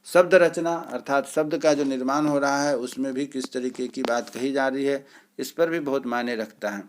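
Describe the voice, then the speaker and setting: A man teaching an exam-prep lecture, explaining step by step with pauses and filler sounds. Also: mid-range voice, steady tone, a little hiss or hum.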